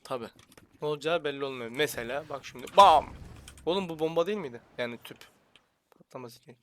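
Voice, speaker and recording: A young man giving casual, jokey commentary while playing a shooter, swearing at enemies and shouting in sudden bursts. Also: medium pitch, fast. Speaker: gaming channel host.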